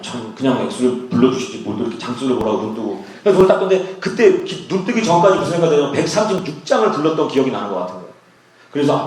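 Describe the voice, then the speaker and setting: A man preaching a sermon and telling a personal testimony, acting out the prayers and voices in his story. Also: on the high side. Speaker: pastor. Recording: echoey hall from far off.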